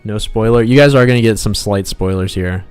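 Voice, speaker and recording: This livestream host, a game developer and artist, chats casually as he draws, in a lowish, slightly mellow, smooth voice at a fairly quick pace. He wanders in conversation with viewers and mutters to himself, with background music and no room sound.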